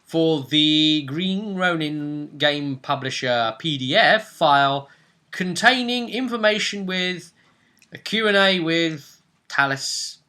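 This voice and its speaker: A man with a fairly high, sharp, animated voice speaks slowly as host and game master recapping a tabletop role-play story. The recap is casual, playful, jokey and hammy, aimed at a video audience.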